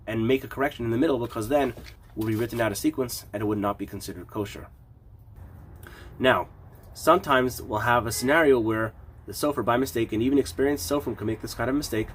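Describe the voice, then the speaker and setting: A man with a mid-pitched voice gives an informal lesson as a rabbi would. He has a questioning teaching manner, setting up questions and then explaining the answers. Background noise is clearly audible behind him.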